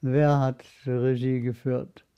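A man in his nineties, a former film dialogue coach, talks in a slow, reflective way in a radio interview. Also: mid-range voice, little pitch movement, clean tone, highs cut off. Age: 90s. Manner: slow, unhurried, reflective storytelling.

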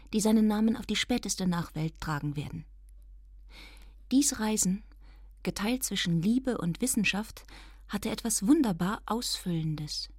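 Woman, literary reading, ironic and affected, mid pitch, dry close sound. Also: dark tone, no echo. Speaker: reader. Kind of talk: literary reading, first-person narration.

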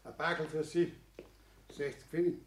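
Man as a brief, courteous delivery man; high voice, echoey noisy recording. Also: little pitch movement, moderate pace, natural voice. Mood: polite. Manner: polite, brief. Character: friendly male delivery man.

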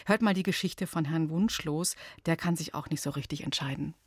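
A woman's voice: low voice, a little fast. A woman presenting a children's radio show in a playful, chatty way.

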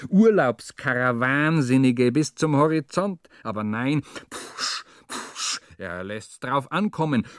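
Slow, sardonic man ranting. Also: a little high, dry recording, clean studio sound. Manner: sardonic ranting with puffing breath sounds. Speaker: narrator. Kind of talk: dramatic literary monologue.

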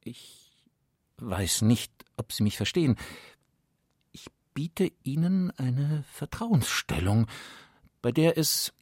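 An actor playing a nervous company director in a radio play, halting and stumbling over his words. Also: mid-range voice, big pitch swings, darkish tone, husky, no room sound, studio quality, heavily acted. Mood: nervous, pleading.

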